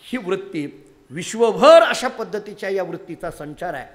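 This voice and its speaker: A man with a Marathi accent preaches a devotional discourse with storyteller flair. His voice sits high for a man, and he swings between hushed asides and loud, animated bursts as he acts out the dialogue. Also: moderate pace. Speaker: kirtan preacher.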